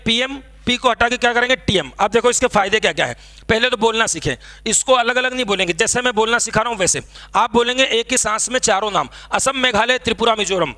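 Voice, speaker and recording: A male teacher, lecturing while he sketches a map. His voice sits very high and sounds bright and forceful. He has students chant lists back to him. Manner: drills students with call-and-response repetition; talks while drawing on a map. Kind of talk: classroom lecture.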